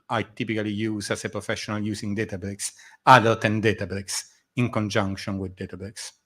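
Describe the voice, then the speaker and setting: A man's voice: fairly low pitch, fairly bright tone. Middle-aged man giving a meetup talk. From Argentina and Italy. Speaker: guest speaker. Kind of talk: conference presentation. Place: meetup room before a live audience.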